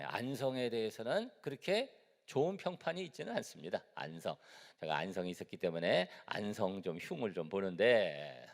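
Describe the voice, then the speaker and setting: A middle-aged male pastor from Seoul preaches to his congregation, talking with them and asking them questions. His pitch rises and falls a great deal, with a gravelly edge. The sound has a long echo from a church hall. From Seoul, South Korea. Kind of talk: sermon. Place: church sanctuary.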